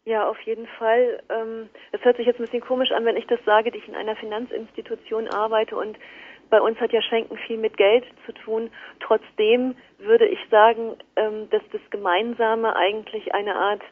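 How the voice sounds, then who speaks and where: A woman's voice: on the high side, flat delivery, normal speed. A woman speaking as a guest in a radio interview, thoughtful and hesitant with many fillers, heard over a phone line. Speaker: guest, works at a financial institution. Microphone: telephone.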